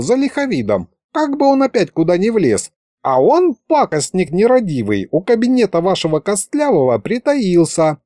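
Guy doing a squeaky old wizard, fussy and folksy, jumps all over the place. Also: a little mellow, no room sound, clean studio sound. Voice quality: high, folksy rustic speech. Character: chatty old male wizard, fussy and excitable.

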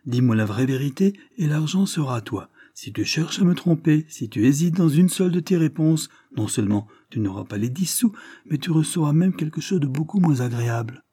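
A man voicing a shrewd gentleman who questions people calmly and firmly. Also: on the high side, breathy edge, no echo, studio quality, voice pushed up. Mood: probing. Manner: measured, questioning, firm. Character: shrewd gentleman adventurer, calm, probing.

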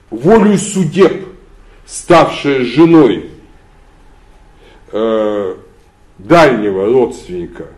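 Man lecturing on history with many pauses. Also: fairly low pitch, a little mellow. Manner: hesitant, many drawn-out "uh" fillers, emphatic rises.

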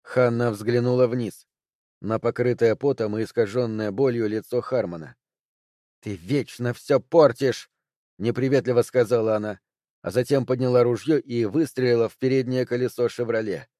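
A man reading a thriller audiobook aloud with steady, tense storytelling. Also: medium pitch, a little fast, dry recording, clean studio sound. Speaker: audiobook narrator. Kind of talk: scripted thriller narration.

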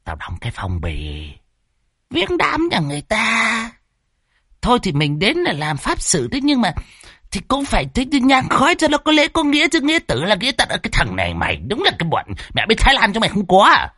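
A man's voice: high voice, wildly swooping pitch, fairly quick, pushed and bright, breathy edge, no echo, studio quality, pitched above the performer's own voice, exaggerated voice. A man voicing a fussy middle-aged man who scolds his helper over money in an audio story. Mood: scolding.

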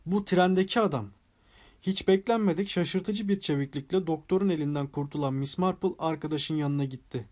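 A man narrating a mystery audiobook in a steady storytelling manner. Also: on the high side, fairly quick, few pauses. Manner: steady storytelling with acted dialogue. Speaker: audiobook reader.

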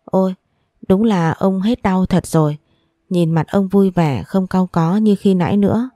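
A woman voicing a gentle, affectionate little boy in a storybook reading. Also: medium pitch, measured pace, no echo, clean studio sound, natural voice. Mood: sweet, curious.

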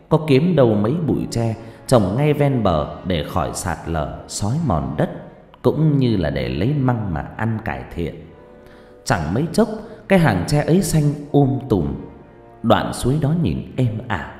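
A man narrating a first-person horror story in a dramatic, expressive storytelling manner. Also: lowish voice. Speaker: audiobook narrator. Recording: reverberant hall with background music.

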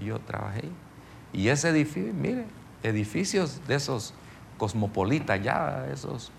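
Man, middle-aged pastor, gravelly voice, folksy sermon teaching, keeps asking the room if they follow, faint noise behind. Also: medium pitch. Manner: folksy, anecdotal, keeps checking in with listeners. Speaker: pastor teaching a ministry seminar.

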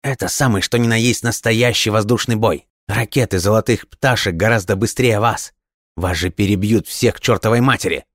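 A man voicing a hot-tempered foreign man who swears and shouts in agitated outbursts. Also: low-pitched, fairly even intonation, very slow, no echo, studio quality. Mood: furious.

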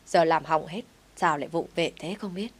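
A woman reading an audio story, voicing a fussy grandmother over 60 who scolds quickly. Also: deep voice, slightly rough. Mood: scolding.

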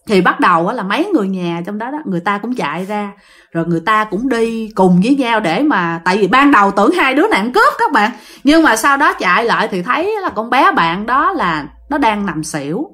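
A woman casually telling a ghost story, animated and speaking directly to her listeners. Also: mid-range voice, a little fast.

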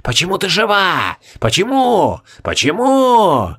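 A man voicing the ghosts of a dead king and queen, speaking in a hushed, reproachful whisper. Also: sits high, huge pitch swings, takes it slowly, breathy edge, pitched above the performer's own voice, exaggerated voice. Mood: accusing. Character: eerie whispering ghosts of dead royal parents, accusing.

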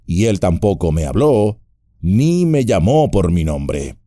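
A man voicing an old, wise and wry male wizard in an audiobook, speaking in a measured, gently humorous way. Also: sits low, sing-song, dry recording, studio quality, exaggerated voice. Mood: wry calm.

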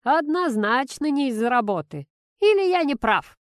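A woman's voice: a little high, lively intonation, moderate pace, clean tone, no echo, studio quality, pitched above the performer's own voice, natural voice. A woman reading a storybook, voicing a middle-aged male boss who drawls and answers evasively. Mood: smug, drawling. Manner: drawling, mocking, curt.

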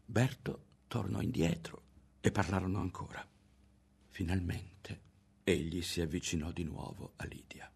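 A man narrating a literary novel aloud in a measured, grave manner. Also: sits low, gravelly, slightly rough. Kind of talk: literary audiobook reading.

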